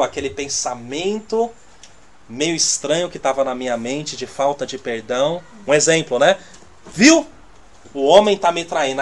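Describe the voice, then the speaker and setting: A man teaching a church congregation in a conversational way, often checking that his listeners understand, his loudness swinging from quiet asides to emphatic bursts. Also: a little high. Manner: conversational, checks the audience with constant "né?" and "tá entendendo?".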